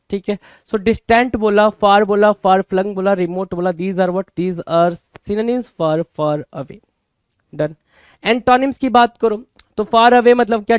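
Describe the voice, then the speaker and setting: A man with a high, smooth voice teaches English vocabulary for exams, mixing Hindi and English. He repeats each word and keeps asking his students rhetorical questions. The sound is dry and close. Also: no room sound. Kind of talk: Hindi-English exam prep lecture.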